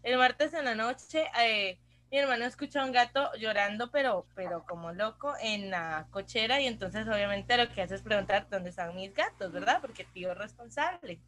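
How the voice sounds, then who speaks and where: A woman's voice: medium pitch, lively intonation, moderate pace, a bit bright. A young woman with a Costa Rican accent, co-hosting a podcast and telling stories in casual chat, dropping English phrases and slang. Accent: Costa Rican Spanish. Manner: chatty storyteller mixing in English phrases and slang. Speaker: podcast co-host.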